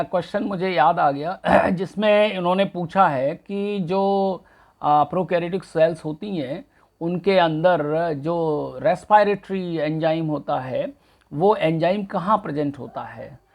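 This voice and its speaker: A middle-aged man, a professor giving a deliberate exam-prep lecture who repeats and spells out key answers. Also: high voice. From central India. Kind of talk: exam-prep lecture mixing Hindi and English.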